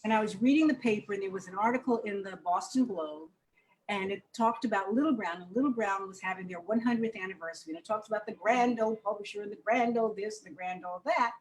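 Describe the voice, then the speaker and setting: Older woman, vivid animated storyteller. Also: mid-range voice, quick pace, slight background noise, poor audio. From New York, Harlem. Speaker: children's book author, guest. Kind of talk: conversational interview storytelling.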